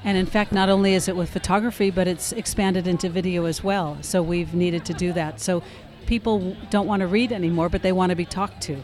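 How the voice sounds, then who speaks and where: A woman's voice: on the low side, fairly even intonation, brisk, hardly any pauses, a little mellow. A woman photographer answering interview questions in lyrical, poetic phrases. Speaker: photographer guest.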